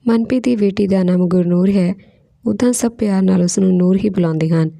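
A woman narrating an emotional story in a slow, descriptive storytelling way. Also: mid-range voice, creaky, dark tone, no echo.

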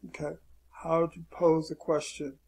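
A man's voice: on the high side, monotone, unhurried, darkish tone. A man teaching an online marketing lesson in a loose, casual way, often saying "okay" and repeating his warnings. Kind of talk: casual screen-share tutorial.

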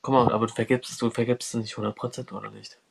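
A man's voice: mid-range voice, flat delivery, fast talker, creaky, a crowd in the background. A man arguing religion in an online voice chat, repetitive and pleading, calling the others brother. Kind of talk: heated religious debate.

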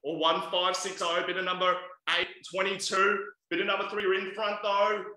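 Aussie auctioneer guy, pushy and persuasive, bright sharp voice, echoey room, webcam sound. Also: sits high, flat delivery, normal speed. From Australia. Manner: persuasive, coaxing buyers with repeated bid calls. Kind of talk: live property auction calling. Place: indoors by a large glass window.

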